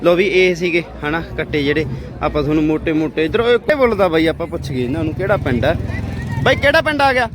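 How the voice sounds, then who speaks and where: High-voiced Punjabi man hosting outdoors. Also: quick pace. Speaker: livestock show video host interviewing farmers. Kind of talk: casual on-the-spot vlog commentary and interviewing. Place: outdoors at a livestock fair. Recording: outdoor event, crowd and street noise behind.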